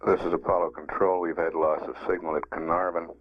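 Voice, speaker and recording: A man's voice: low-pitched, flat delivery, brisk, dry recording. An American man giving matter-of-fact mission status commentary as a public affairs announcer. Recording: dull 1960s broadcast recording.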